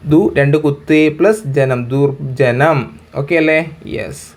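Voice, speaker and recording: A young adult man with a Malayali accent, teaching an exam prep lesson. He repeats each answer slowly and keeps asking if the students follow. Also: fairly high pitch, fairly even intonation, background noise. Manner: drills words by slow repetition, keeps asking "okay?".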